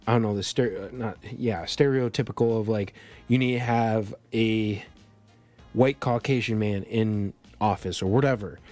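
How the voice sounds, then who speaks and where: A man's voice: fairly low pitch, normal speed, a little mellow, soft background music. A man born in Colombia co-hosting a podcast, talking politics in a casual, rambling way full of restarts and fillers. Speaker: podcast co-host.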